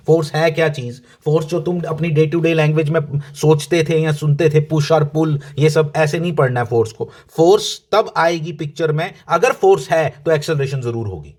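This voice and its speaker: A man's voice: a little high, moderate pace, hardly any pauses, a little mellow. A male physics teacher explaining a lesson to his students in a casual, direct way, mixing English terms into his speech, repeating key points and asking questions that he answers himself.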